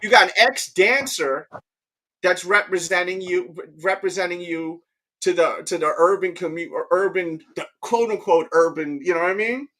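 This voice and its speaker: A man's voice: high voice, moderate pace, bright, forceful tone. A man hosting a casual chat, rambling with restarts and often asking "you know what I mean".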